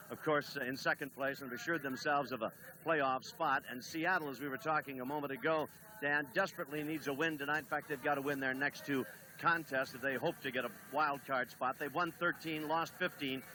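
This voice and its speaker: Man, play-by-play announcer, brisk, higher voice, vintage TV sound with hiss. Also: low-quality recording. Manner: brisk, reads lineups and notices. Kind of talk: 1970s TV sports broadcast. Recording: old TV broadcast with steady noise.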